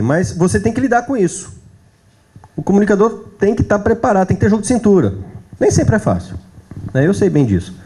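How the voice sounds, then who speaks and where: A man's voice: sits high, warm tone. A man with a Brazilian accent giving a church workshop lecture to a live audience, speaking in a conversational way and often checking in with his listeners. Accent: Brazilian Portuguese.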